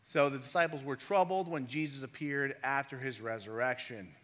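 A man's voice: medium pitch, normal speed, fairly bright tone. A man preaching a conversational sermon, asking his listeners rhetorical questions. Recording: long reverb of a large hall.

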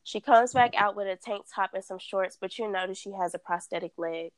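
Smooth-voiced woman host reading questions. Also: medium pitch, no echo. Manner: reads questions slowly, laughs often. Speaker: host reading dating scenarios. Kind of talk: casual chat.

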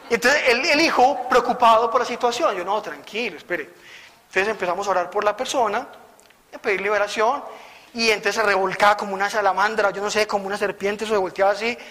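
A man giving a conversational religious testimony, a lively storyteller who acts out the voices in his story. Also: high-pitched. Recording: long hall reverb.

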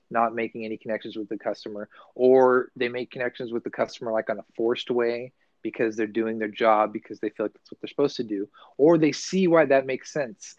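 A man's voice: mid-range voice, no room sound. A man co-hosting a casual podcast, rambling and swearing freely, often restarting his sentences. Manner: rambling, profane, loose and self-correcting. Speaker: podcast co-host. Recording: dull, dry recording.

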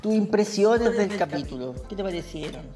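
A man, the podcast host, wrapping up the episode in a relaxed way. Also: high voice, normal speed, roomy sound, music in the background. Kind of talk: casual podcast sign-off.

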